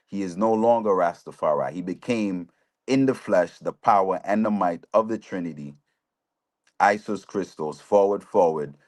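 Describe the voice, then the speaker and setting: A man in his forties earnestly explaining history on a live talk show, often checking in with "right?". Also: sits low. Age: 40s. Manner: earnest, lecturing, asks listeners "right?" often. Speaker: guest speaker, chaplain.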